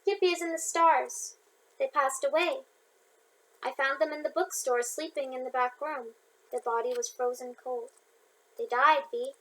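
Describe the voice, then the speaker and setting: Lady reading as a sobbing girlfriend on the phone, earnest, highish voice, audiobook. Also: fairly even intonation, normal speed, close to an everyday voice, poor audio. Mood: tearful. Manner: tearful, earnest. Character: grieving young woman friend, sobbing on a phone call.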